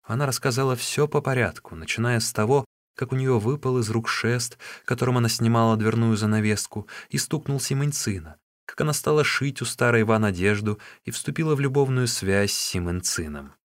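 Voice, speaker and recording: Male audiobook narrator, mid-pitched, dry close sound. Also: fairly quick, hardly any pauses, no room sound.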